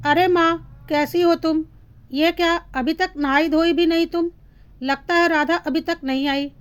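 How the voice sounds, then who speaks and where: Scolding young daughter, high and indignant, read by a woman narrator. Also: steady tone, a little slow. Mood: concerned. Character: young woman, sharp-tongued daughter scolding her sister-in-law.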